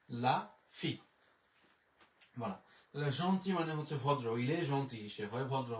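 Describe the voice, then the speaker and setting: A man teaching French in a live online lesson, spelling words letter by letter and repeating each one slowly, speaking from a distance as he writes on a board. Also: medium pitch. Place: room, writing on a board away from the mic. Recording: roomy echo, voice from far off.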